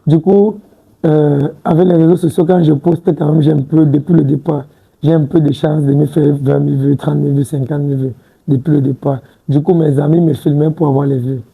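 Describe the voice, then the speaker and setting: A young man in his twenties, talking in a relaxed, halting way as a studio interview guest. His voice is gravelly and a little raspy, pitched slightly high yet very dark and mellow in tone. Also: low-quality recording. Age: 20s. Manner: hesitant, repeats words and restarts, says "tu vois un peu". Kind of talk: casual interview talk. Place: TV studio set.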